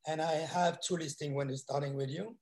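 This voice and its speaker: A French man speaking English with a French accent on a video call, halting and repeating himself. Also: a little high, fairly even intonation, a little mellow. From France. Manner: halting, repetitive phrasing with non-native grammar. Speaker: real estate agent.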